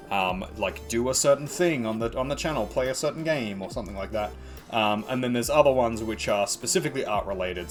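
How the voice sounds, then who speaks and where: An Australian man chatting casually to his live-stream viewers as an art streamer, rambling with lots of ums and restarts. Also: mid-range voice.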